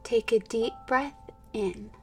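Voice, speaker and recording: Soft slow woman guiding meditation. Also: on the high side. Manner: slow, soft, soothing, drifting into whispers. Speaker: meditation guide. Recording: distant mic with soft instrumental music.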